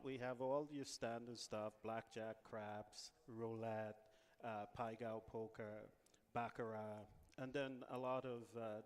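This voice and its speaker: A man from the Bahamas, a casino executive answering interview questions in a relaxed way with many pauses. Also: on the low side, big-room sound.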